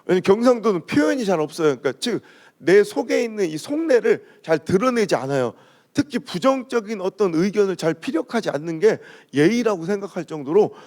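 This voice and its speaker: In a church sanctuary, a man from Chungcheong, Korea, leads a dawn revival service in a high, fairly quick voice. This pastor spins funny stories, imitates regional speech, and keeps the room laughing.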